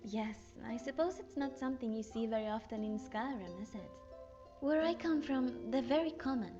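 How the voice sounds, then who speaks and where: A woman voicing a polite, curious young wood elf archer, measured and courteous, as game companion dialogue. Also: a little high, lo-fi sound, over music, close to an everyday voice.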